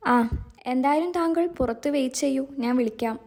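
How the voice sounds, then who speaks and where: Brisk, firm hospital doctor, read by a woman; quick, high, mellow voice. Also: vocal fry, soft background music.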